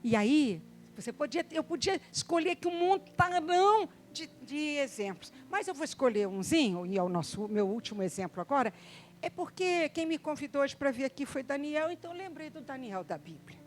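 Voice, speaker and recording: A woman pastor with a Brazilian Portuguese accent, preaching a lively sermon and calling on the congregation to answer. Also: high-pitched, moderate pace. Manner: animated, calls the congregation to answer back.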